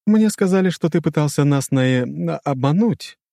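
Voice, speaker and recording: A man's voice: animated, moderate pace, gravelly, mellow, no echo, studio quality. A man voicing an amused, commanding woman who runs a crime ring, in a raised put-on voice. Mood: imperious. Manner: mocking, imperious, high put-on voice.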